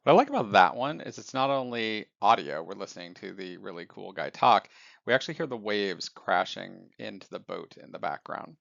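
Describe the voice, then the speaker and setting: A man's voice: lowish voice, expressive, fairly quick, creaky, a bit bright, dry recording, lo-fi sound. A man presenting technology news in an explanatory narrating style.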